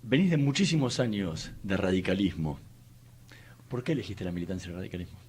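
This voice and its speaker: A man's voice: sits low, expressive, a little fast, darkish tone, slight background noise. Argentine male radio interviewer. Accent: Argentine Spanish. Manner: asks short probing questions.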